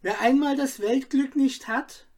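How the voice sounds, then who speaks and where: A man voicing a dreamy little girl, high and eager. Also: unhurried, darkish tone, exaggerated voice. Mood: doubtful. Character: young girl, wistful and dreamy. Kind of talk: storybook reading.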